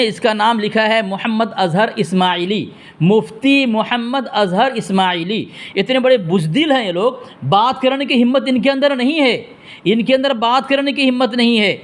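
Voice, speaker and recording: High-voiced man scolding in a phone debate. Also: fairly bright tone. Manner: insistent, scolding, repeats demands; turns aside to address the audience. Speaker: debate host on a phone call.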